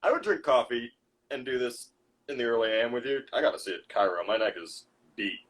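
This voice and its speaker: Podcast co-host, male, slightly raspy, dry humor, casual banter. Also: mid-range voice, animated, fairly quick, a bit bright. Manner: dry, joking, reads the chat aloud. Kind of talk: casual chat.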